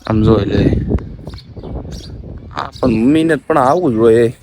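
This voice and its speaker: On his family's rooftop, a young Gujarati man vlogs in an easy, chatty way and teasingly begs his mother for something. He speaks unhurriedly at medium pitch, with noise in the background.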